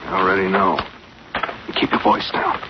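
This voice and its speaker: An actor playing a cool-headed, bossy adventurer captain in 1940s radio drama style, clipped and commanding. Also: male voice, low voice, little pitch movement, moderate pace, lightly acted. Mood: cautious, commanding. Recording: muffled, noisy vintage 1940s radio recording.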